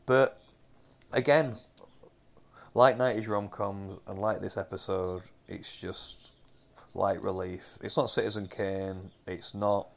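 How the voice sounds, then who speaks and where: Low, gravelly Northern English man. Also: fairly even intonation, slow pace. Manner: rambling, many fillers and restarts. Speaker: podcast co-host. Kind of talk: casual chat reviewing TV episodes.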